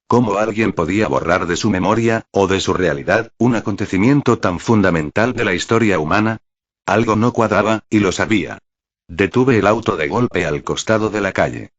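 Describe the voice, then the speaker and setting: Male narrator, deep, steady dramatic storytelling, muffled lo-fi read. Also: normal speed. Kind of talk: first-person audiobook narration.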